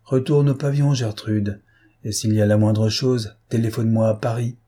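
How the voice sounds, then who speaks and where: A man voicing a cold criminal leader who gives curt, hushed orders in an audiobook. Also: lowish voice, fairly even intonation, moderate pace, lightly acted. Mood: menacing. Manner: curt, commanding, hushed menace. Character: cold male gang leader giving orders.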